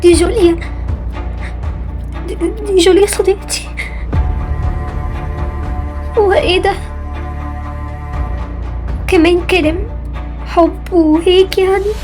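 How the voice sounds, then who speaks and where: A teenage girl voicing an anxious young bride-to-be with an Egyptian Arabic accent, in an amateur animated drama. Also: slow, pauses often, over music. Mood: distraught. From Tunisia. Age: teen. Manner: high-pitched, emotional, insistent.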